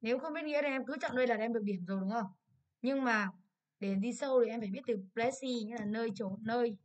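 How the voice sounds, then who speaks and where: Brisk Vietnamese woman teaching English. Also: a little high. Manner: brisk, asks many checking questions. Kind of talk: exam review lesson.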